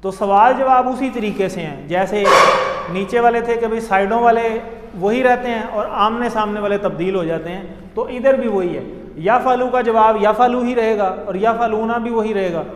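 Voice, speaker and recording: A man's voice: sits high, moderate pace, roomy sound, big-room sound, noisy background. A male teacher giving a classroom grammar lesson, patiently explaining step by step and leading the class through chanted drills.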